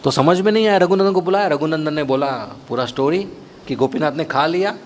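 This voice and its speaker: A man's voice: fairly high pitch, fairly quick, a little hiss or hum. A man preacher telling a devotional story animatedly and mixing English words into his speech.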